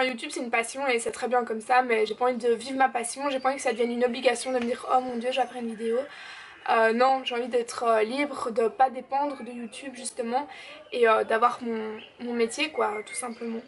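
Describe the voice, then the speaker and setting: Speaking briskly in a voice on the high side with fairly even intonation, a Belgian eighteen-year-old chats through viewer questions on her vlog. She's bubbly and loose, scattering fillers and "genre" throughout. Faint background noise comes through a slightly distant mic.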